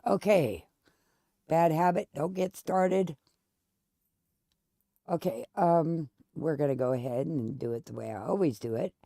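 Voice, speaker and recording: A woman with a gravelly, mellow voice talks casually over her gameplay. She rambles from one story to the next, restarting sentences as she goes. The sound is dry and close. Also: sits low, unhurried, long pauses, no echo. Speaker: gaming channel host. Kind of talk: casual chat while playing a game.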